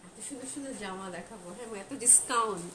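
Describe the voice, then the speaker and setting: A woman's voice: on the high side, racing, a crowd in the background. A woman selling clothes on a live stream, chatting and gushing over each dress while slipping in English phrases. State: feeling hot. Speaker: online clothing seller. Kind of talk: live-stream product showcase. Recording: echoey room with loud background noise.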